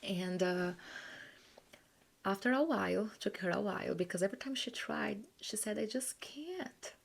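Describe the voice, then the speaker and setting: A woman coach leading a guided forgiveness visualization, earnest and encouraging, speaking in slow soft phrases that sometimes drop to a whisper. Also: mid-range voice, gravelly.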